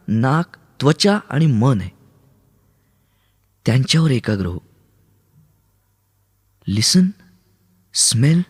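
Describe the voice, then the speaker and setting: A man voicing a young woman who coaxes and teaches patiently, with loud vehicle noise behind. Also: fairly high pitch, breathy edge, heavily acted. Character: young woman, calm then excited guide.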